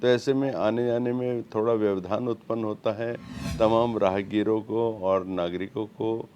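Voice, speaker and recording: A man speaking as a guest on a news panel, hesitant with frequent fillers and pauses. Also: fairly low pitch, fairly even intonation, darkish tone, muffled recording, a little hiss or hum. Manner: slow, hesitant, many fillers. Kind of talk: panel debate statement.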